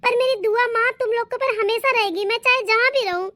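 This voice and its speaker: A scheming sister-in-law in a cartoon, voiced by a woman in a very high, thin register. She wheedles and plays the wronged victim, with a dry, close sound. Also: brisk, pushed and bright, no room sound. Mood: self-pitying.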